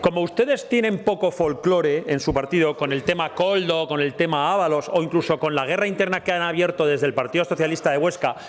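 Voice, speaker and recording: A man's voice: fairly high pitch, brisk, hardly any pauses. A man giving a combative parliamentary speech, repeatedly addressing his opponent by name. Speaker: parliamentary spokesman. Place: parliament chamber. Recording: reverberant chamber with murmuring crowd.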